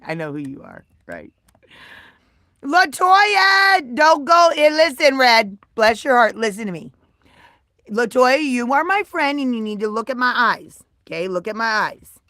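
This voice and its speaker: A woman chatting casually with her live-stream viewers, swinging from soft mutters to loud, excited, swearing bursts. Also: on the high side, no echo, clean studio sound.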